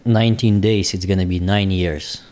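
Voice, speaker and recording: A man in his forties with a Russian accent, speaking in halting, searching English as an interview guest. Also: deep voice, steady tone, darkish tone. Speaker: guest, business owner. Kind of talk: casual interview talk.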